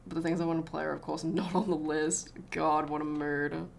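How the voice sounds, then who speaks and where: A woman's voice: low voice, flat delivery, brisk, vocal fry, slight background noise. An Australian woman chatting casually on a live stream while she draws, greeting viewers and swearing freely.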